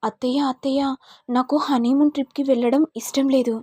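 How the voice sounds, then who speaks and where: A woman voicing a meek, dutiful young wife in a story, speaking softly and politely. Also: high-pitched, level tone, fairly quick, husky, no echo. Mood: gentle. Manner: soft, polite pleading.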